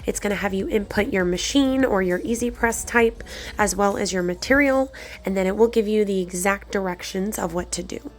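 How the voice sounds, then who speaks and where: A woman with a breathy, slightly congested voice from a cold, narrating a craft tutorial in a chatty, encouraging way. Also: mid-range voice, normal speed, slight background noise. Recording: background music under the voice. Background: music.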